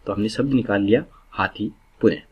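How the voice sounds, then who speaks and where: A man with a low, husky voice teaches exam memory tricks. He explains each step patiently and drills key words over and over. The recording sounds dull and lo-fi. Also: a little fast.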